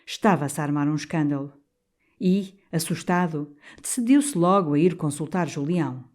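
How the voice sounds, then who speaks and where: A woman narrating a classic novel as an audiobook, reading in a measured, expressive way. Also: sits low.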